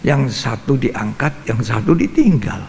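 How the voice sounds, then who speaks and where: A man's voice: mid-range voice, big pitch swings, a little slow, vocal fry, darkish tone, a little hiss or hum. An older man preaching a Bible study sermon as pastor, emphatic and repetitive, acting out scenes, in a reverberant church hall.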